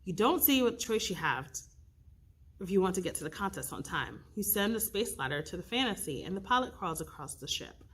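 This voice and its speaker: A woman reading an interactive storybook aloud, expressive and stopping to pick the story's path. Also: medium pitch, brisk, husky. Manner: expressive, with slips and restarts, rolling dice for choices. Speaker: youth librarian reading aloud.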